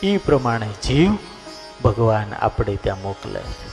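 A man's voice: fairly low pitch, sing-song, unhurried, gravelly, a little mellow, in a large hall, faint music behind. A man preaching as a swami, telling folksy stories and checking in with listeners. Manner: folksy, storytelling, asks listeners for agreement. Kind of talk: sermon with humorous stories.

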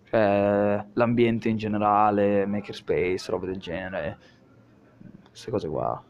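A man's voice: on the low side, steady tone, takes it slowly, darkish tone, lo-fi sound, slight background noise. A young man being interviewed, chatting casually and bluntly in slang with plenty of swearing. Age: young adult. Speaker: podcast interview guest.

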